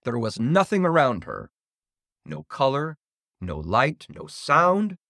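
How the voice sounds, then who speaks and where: A man reading a spooky children's story aloud, in an expressive, theatrical way. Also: a little high, slow, gravelly, no echo, studio quality.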